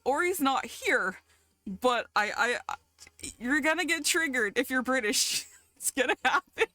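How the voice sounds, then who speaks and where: A woman from the South, chatting casually with her stream chat, chatty and quick to giggle. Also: high voice, no room sound. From American South. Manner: giggly, chatty, easily excited.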